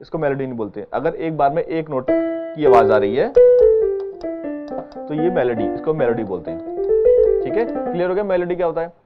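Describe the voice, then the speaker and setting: A man's voice: on the high side, expressive, fairly quick, long pauses, loud music behind the voice. A man teaching an online keyboard lesson, explaining step by step and often checking that his students follow. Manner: patient, explaining step by step with frequent check-ins. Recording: dull lo-fi sound with keyboard playing behind.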